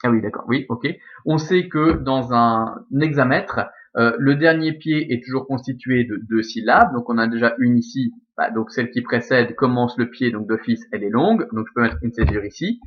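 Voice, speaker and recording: A man's voice: mid-range voice, moderate pace, hardly any pauses. Man teaching Latin verse, muffled recording. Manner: explanatory, checks understanding with frequent "ok?" and "d'accord?". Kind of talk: recorded remote lesson.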